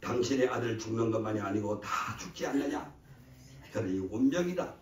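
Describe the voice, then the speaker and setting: A man voicing the Buddha as a calm, solemn male teacher, speaking slowly and gravely in an echoey church hall. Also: medium pitch, recorded from a distance, background noise, pitched below the performer's own voice, natural voice. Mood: consoling.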